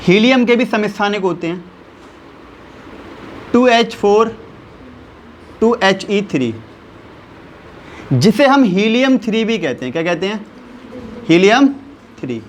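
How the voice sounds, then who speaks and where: A man's voice: high-pitched, animated, slight background noise. A man teaching a chemistry lesson, repeating key terms and asking his listeners questions as he goes. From India. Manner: slows down to spell out values step by step.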